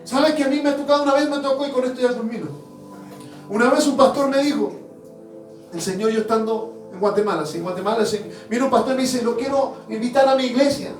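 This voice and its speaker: A man preaching a sermon to his congregation, fervent and shifting between loud appeals and hushed asides. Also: very high voice, quick pace. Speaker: apostle preaching. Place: church hall. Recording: roomy church sound from a distant mic with faint music.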